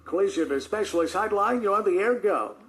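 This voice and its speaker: A man hosting a live call-in show on the radio, talking in a joking, folksy and halting way. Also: high voice, expressive, fairly bright tone.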